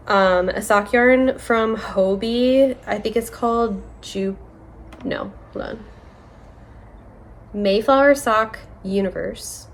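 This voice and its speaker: A young woman chatting casually on her knitting vlog, rambling with many fillers and quick self-corrections. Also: medium pitch. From United States. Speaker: knitting vlogger. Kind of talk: casual show-and-tell chat.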